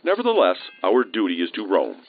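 A haughty Roman centurion, played by a man in a radio drama. His voice is very low and swoops widely as he sneers at the locals. The sound is thin and phone-like. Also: huge pitch swings, a little fast, full character voice. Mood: disdainful. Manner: contemptuous, disdainful of the locals. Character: stern arrogant Roman centurion, middle-aged man.

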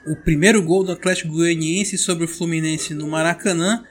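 A woman's voice: on the low side, steady tone, normal speed. A Brazilian woman hosting a football show, narrating a scripted round-up of results. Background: music bed.

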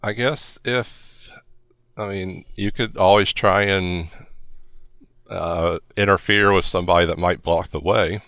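Male game master, halting and unhurried, fry in the voice, improvising narration. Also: low voice, fairly even intonation, a bit bright, no room sound.

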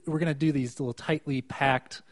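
A man's voice: mid-range voice, a little fast. A man co-hosting a casual podcast, bantering and joking as he recalls the year's news. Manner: joking, animated banter with laughs. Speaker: podcast co-host.

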